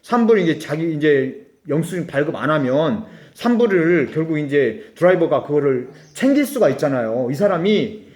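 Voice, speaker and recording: Animated Korean pastor preaching. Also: male voice, a little high, moderate pace, roomy sound. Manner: storytelling with lively acted-out dialogue; animated, laughing asides. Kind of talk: sermon.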